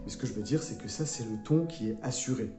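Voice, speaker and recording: A man's voice: mid-range voice, quick pace, music in the background. Playful man coaching in an echoey room. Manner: playful, jokey, rambling with fillers. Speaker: wellness coach. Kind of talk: casual coaching video.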